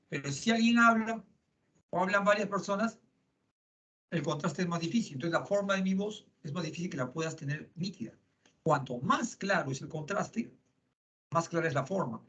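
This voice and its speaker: Male lecturer, middle-aged, fairly high voice, chatty with tag questions, dull lo-fi classroom recording. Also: a bit bright. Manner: conversational, frequent tag questions. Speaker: psychology lecturer.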